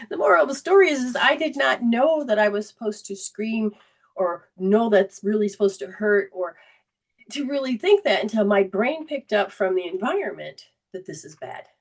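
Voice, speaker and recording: A woman soul coach telling a personal story in a coaching talk, animated and full of restarts. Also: medium pitch, normal speed, far from the mic.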